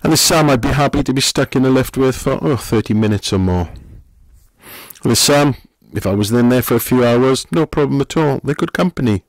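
A middle-aged man, a pastor, giving a gentle, conversational sermon full of questions to the listener. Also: mid-range voice, expressive, brisk, no echo.

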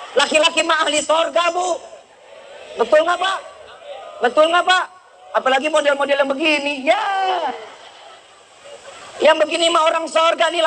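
A male preacher, giving a lively sermon and teasing the congregation with quick questions. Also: very high-pitched, a little hiss or hum, rough recording.

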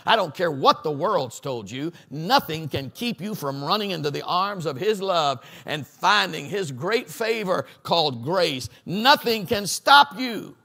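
Bright, gravelly-voiced preaching pastor. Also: male voice, fairly high pitch, lively intonation, a little slow, hardly any pauses. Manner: preaching with rising, crescendoing lists; asks the audience for responses. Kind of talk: sermon at a Bible study. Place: church stage with a live audience.

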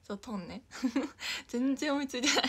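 A woman's voice: sits high, animated, takes it slowly, sharp tone, slightly rough. A young woman with a Kansai accent chatting casually on a livestream, giggling often, dropping into whispers and thanking viewers by name. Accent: Kansai Japanese. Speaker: idol livestreamer.

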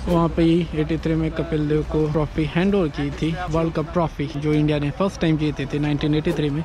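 High-voiced young man vlogging on the go. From India. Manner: chatty, explaining sights as he walks. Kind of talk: casual walking travel vlog. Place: outdoors on city streets and in a stadium. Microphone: phone camera at arm's length. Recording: background music under the voice.

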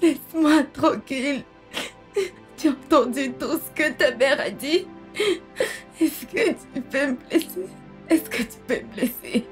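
A woman dubbing a young wife who is also a bossy, sharp-tongued older sister in a film, prone to scolding and mocking. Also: sits high, expressive, normal speed, pauses often, faint music behind. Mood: tearful. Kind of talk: French film dub.

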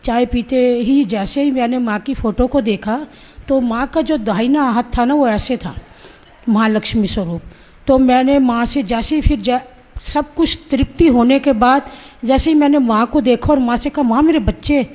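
A woman's voice: a little high, moderate pace, darkish tone. A woman in her sixties gives an earnest, vivid personal testimony, acting out her own quoted words as she tells it. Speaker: Sahaja Yoga practitioner giving a testimony.

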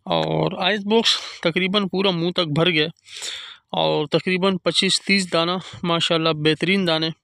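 Filming by the fire at a night beach campsite, a fishing vlogger from Pakistan, with a Karachi Urdu accent, narrates casually into his handheld phone, repeatedly calling out to friends and adding frequent pious interjections. His voice is on the high side, creaky and sharp, steady at a moderate pace, and the studio-quality recording has no room sound.

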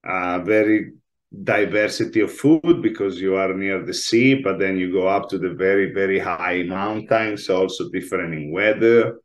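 Over a laptop mic on a video call from home, a guest chef from Italy in his forties talks casually with an interviewer. He has an Italian accent and a low voice at a moderate pace.

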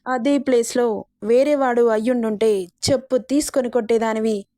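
A bitter, defiant young wife with a sharp, accusing edge, read by a woman narrator. The voice is fairly high and dry, with no room around it. It is a storybook reading. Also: steady tone, moderate pace, no echo, natural voice.

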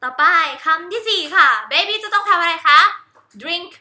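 A woman's voice: very high-pitched, moderate pace, bright, forceful tone, echoey room. A woman teacher giving a cheerful lesson on baby sign language, demonstrating each sign while repeating English words. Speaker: homeschool teacher.

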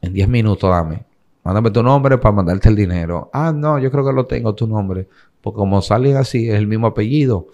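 A man's voice: lowish voice, a little fast, highs cut off. A young man with a Dominican accent from the Cibao region, telling his story as an interview guest and acting out what others said. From Dominican Republic. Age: young adult. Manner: animated retelling, acting out the voices of others in quotes.

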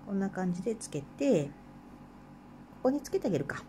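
A woman with a Hokkaido Japanese accent talks through a craft tutorial in a casual, chatty way. Her voice is mellow and her pitch moves around a lot. She laughs often and murmurs quietly to herself between steps. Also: big pitch swings, a little fast, a little hiss or hum. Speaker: craft channel host.

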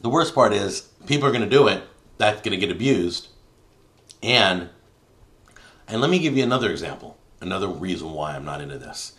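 Deep-voiced man ranting on a live stream. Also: lively intonation, brisk. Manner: opinionated, emphatic, swings between loud and muttering. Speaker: YouTube cooking show host. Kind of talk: live-stream rant to viewers.

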